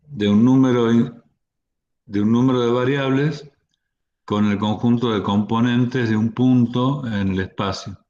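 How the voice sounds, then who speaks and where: A man's voice: fairly low pitch, darkish tone, muffled recording. A man giving an online university math lecture, explaining step by step with frequent restarts and fillers.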